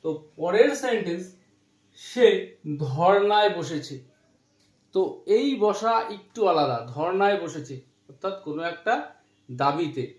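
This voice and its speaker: A man teaching spoken English, explaining in Bengali and saying English phrases slowly word by word. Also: sits high, animated, reverberant.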